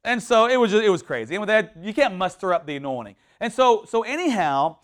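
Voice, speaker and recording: A man preaching a sermon in an animated, conversational way, with frequent restarts and bursts of mock shouting. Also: sits high, quick pace. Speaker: pastor.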